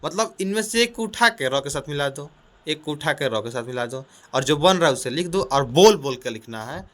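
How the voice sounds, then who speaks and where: Teaching children in a small room, a man speaks loudly and with energy, repeating his questions to the class and sounding out letters. His voice is a little high, his intonation lively, and his pace moderate.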